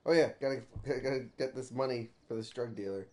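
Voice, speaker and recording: A man's voice: mid-range voice, fast talker, a little mellow. A man streaming a video game with casual, profane commentary, rambling and repeating words for emphasis.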